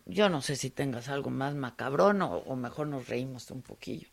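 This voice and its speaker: A woman with a Mexican accent co-hosting a radio talk show, laughing and animated. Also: a bass voice, moderate pace, creaky. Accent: Mexican Spanish. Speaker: radio co-host. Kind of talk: casual chat.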